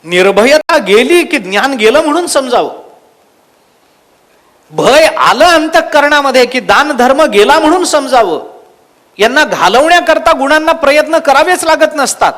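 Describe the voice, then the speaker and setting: A male preacher giving a storytelling sermon, speaking in an animated and emphatic way. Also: very high voice, a little slow. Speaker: kirtan preacher. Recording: long hall reverb.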